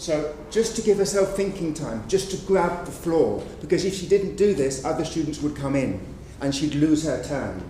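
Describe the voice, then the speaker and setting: In an echoey conference room with a distant mic and faint noise, a man presents research, patiently explaining examples and hedging often with "sort of". His voice is a little high and dark-toned, animated, at a moderate pace with few pauses.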